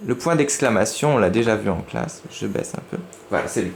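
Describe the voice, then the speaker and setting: A man giving a lively lesson to young children, using playful voices. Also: lowish voice, fairly quick, creaky. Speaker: teacher. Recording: echoey room with faint noise.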